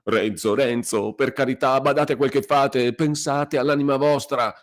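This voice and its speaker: Guy doing a scared old country priest, high quavery voice, whiny and fussy. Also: expressive, a little slow. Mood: terrified. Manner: quavering, pleading, then peevish and scolding. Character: frightened elderly male village priest.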